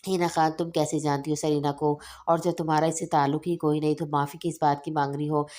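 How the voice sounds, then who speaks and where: A woman's voice: low voice, flat delivery, brisk, a little mellow, natural voice. A woman reading aloud, voicing a troubled older brother who demands answers urgently. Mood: anxious.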